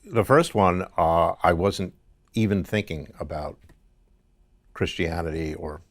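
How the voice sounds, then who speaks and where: A middle-aged man interviewed as a guest, telling his story in a halting conversational way with many restarts. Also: sits low, no room sound. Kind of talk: conversational testimony.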